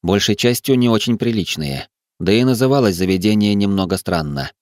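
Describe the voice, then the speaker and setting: A man narrating a first-person audiobook in an even, steady way. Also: lowish voice, brisk, no room sound, studio quality.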